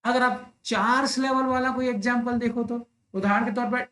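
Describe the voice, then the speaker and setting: A man teaching an exam-prep literature lesson online, explaining step by step, often checking in with the listener, and reading English verse lines very slowly. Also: extremely high pitch, steady tone, fairly bright tone. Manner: explains step by step with frequent "right?" tag questions.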